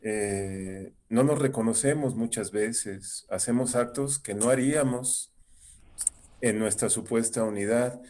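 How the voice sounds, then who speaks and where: A man moderating a panel discussion, speaking in a measured way and posing rhetorical questions. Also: mid-range voice, dark tone.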